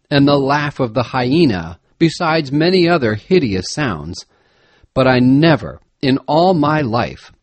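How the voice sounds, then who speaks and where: A man narrating an adventure story in the first person, reading in an expressive, emphatic way. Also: medium pitch, no room sound. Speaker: audiobook narrator.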